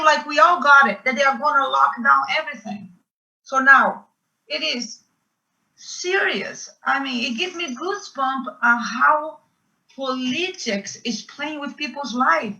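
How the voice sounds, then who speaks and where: A woman's voice: high voice, bright, forceful tone, poor audio. A woman in her fifties from Brazil, speaking with a Brazilian Portuguese accent, arguing passionately in a round-table debate. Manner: passionate, emphatic. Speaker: panel guest.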